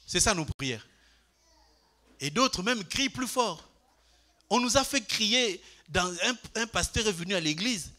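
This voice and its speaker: An older man preaching a Bible study to a congregation, putting questions to them and swinging between loud declarations and quiet asides. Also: sits high, expressive, unhurried, pauses often. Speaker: pastor. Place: church.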